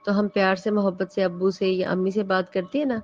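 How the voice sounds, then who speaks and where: A woman's voice: medium pitch, flat delivery, darkish tone. Woman teaching scripture in a conversational lecture. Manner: conversational, mixes in English words, recites Arabic verses. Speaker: Quran teacher. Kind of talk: religious lecture explaining scripture. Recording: dull lo-fi audio with faint music.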